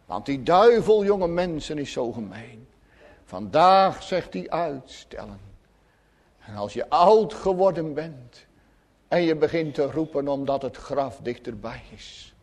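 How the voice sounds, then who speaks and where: A pastor delivers a fervent sermon, leaning hard on every phrase. His voice sits a little high and he takes his time. A long reverb fills the church around him. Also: lively intonation, slow pace, darkish tone. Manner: fervent, emphatic preaching.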